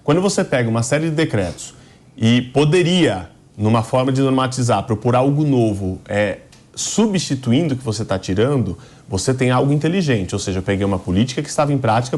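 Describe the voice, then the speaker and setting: A man's voice: medium pitch, expressive, fast, darkish tone. A man with a Brazilian Portuguese accent, a political commentator who argues his case step by step. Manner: argumentative, building points step by step. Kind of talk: political panel discussion.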